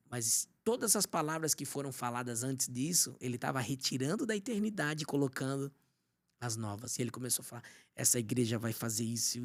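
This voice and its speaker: A man from Brazil, a pastor and podcast guest, telling an emotional personal testimony and often dropping to a hushed voice. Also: medium pitch. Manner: storytelling, often drops to a hushed voice.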